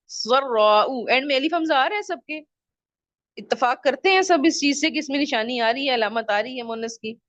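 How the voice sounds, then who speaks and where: A woman teaching an online Arabic grammar class, drawing out example words slowly and often checking that her students follow. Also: a little high, no echo, lo-fi sound.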